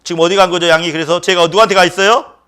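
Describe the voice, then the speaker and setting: A man's voice: sits high, fairly even intonation, racing, sharp tone, smooth. A male pastor preaching a sermon who keeps questioning the congregation and stresses his points emphatically.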